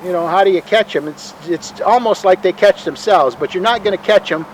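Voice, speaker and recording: Calm, higher-pitched male museum guide. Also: brisk, a little hiss or hum, rough recording. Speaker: bird sanctuary museum guide and bird bander. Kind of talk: informal guided tour, explaining.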